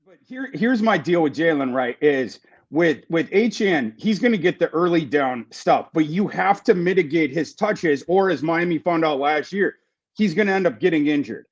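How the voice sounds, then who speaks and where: A man giving fantasy football analysis in a casual podcast chat, talking quickly and restarting his sentences. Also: fairly high pitch, lively intonation, lo-fi sound. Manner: fast, repeats words and restarts often.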